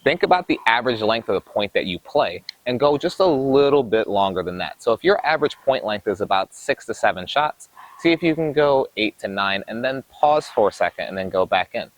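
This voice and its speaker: A man coaching tennis, explaining drills in an energetic, explanatory way while demonstrating on the court. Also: fairly low pitch, a little fast, dry recording, poor audio. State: a little out of breath. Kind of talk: instructional coaching talk.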